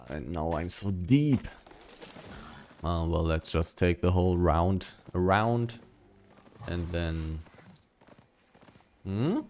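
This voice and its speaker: A man's voice: low voice, a little mellow, a little hiss or hum. A man giving casual running commentary while he plays a video game, thinking aloud and humming between remarks. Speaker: gaming video creator.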